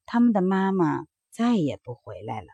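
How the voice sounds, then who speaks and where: A woman narrating a children's bedtime story in a gentle, expressive storytelling manner. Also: fairly low pitch, moderate pace, breathy edge, no room sound.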